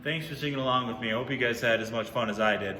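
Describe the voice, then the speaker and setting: A man's voice: mid-range voice, racing, echoey room, long reverb tail, loud music behind the voice. Upbeat man teaching a kids' Bible lesson. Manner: chatty, upbeat, self-correcting. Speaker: youth ministry teacher.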